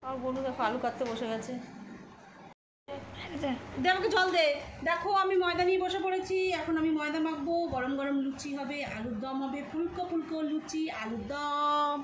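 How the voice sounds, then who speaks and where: Woman vlogger, West Bengal accent, high voice, casual and talkative, noisy handheld home sound. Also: normal speed, echoey room. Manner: chatty, addresses viewers directly. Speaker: family vlogger, mother. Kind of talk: casual home vlog narration.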